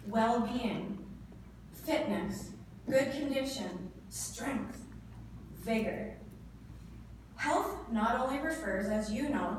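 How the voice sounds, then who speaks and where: Echoey, distant Canadian woman giving motivational speech. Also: medium pitch. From northern Ontario, Canada. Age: 30s. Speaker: motivational speaker. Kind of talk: prepared motivational speech to a live audience. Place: indoor event room before an audience. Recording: echoey room, distant mic, clear background noise.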